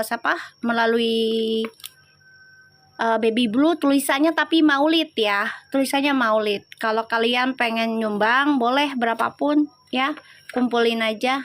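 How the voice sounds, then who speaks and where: A woman's voice: fairly high pitch, fairly even intonation, unhurried, fairly bright tone. A woman reading tarot on a livestream, chatting in slang and teasing her viewers. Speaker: tarot reader.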